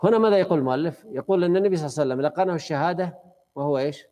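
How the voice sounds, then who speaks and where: A man's voice: a little high, racing, warm tone, lo-fi sound. A man teaching a study circle, explaining a classical text conversationally and quizzing his students.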